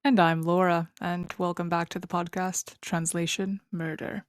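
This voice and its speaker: A young woman hosts a true crime podcast, telling the case in a chatty, laughing way full of fillers. Her voice is fairly low, level in tone and at normal speed. She is on a close mic with no room sound.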